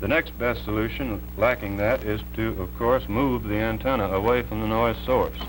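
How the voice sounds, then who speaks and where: Man explaining tech stuff on a 1950s tv broadcast, lowish voice, slight hiss behind. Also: steady tone, poor audio. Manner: measured, plain technical explaining. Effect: 1950s TV broadcast sound. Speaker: electrical engineer demonstrating TV interference. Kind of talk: explanatory on-air demonstration.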